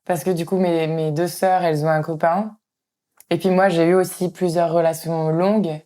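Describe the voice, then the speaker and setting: A Swiss woman in her twenties, chatting casually and reflectively, often hesitating and trailing off softly. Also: on the low side, flat delivery, normal speed. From Switzerland. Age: 20s. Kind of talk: casual conversation.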